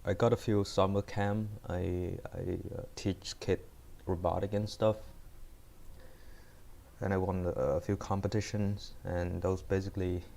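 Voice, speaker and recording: A young Cambodian man in his first year of study chats casually with viewers while live-streaming his coding, rambling and often repeating or restarting words. His voice is low and dark with vocal fry, little pitch movement, and a slightly slow pace, and he sounds like he has a cold.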